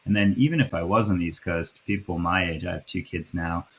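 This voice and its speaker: A man in his thirties from the Boston area, talking casually as a podcast guest, with a relaxed, chatty flow and many fillers. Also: low voice, fairly quick, breathy edge. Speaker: guest, app founder. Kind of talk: casual interview chat.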